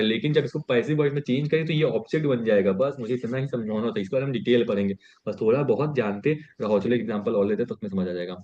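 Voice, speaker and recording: A man's voice: mid-range voice, darkish tone. A man teaching an online grammar lesson who explains by asking his students repeated questions. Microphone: webcam or built-in mic. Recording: lo-fi dull sound.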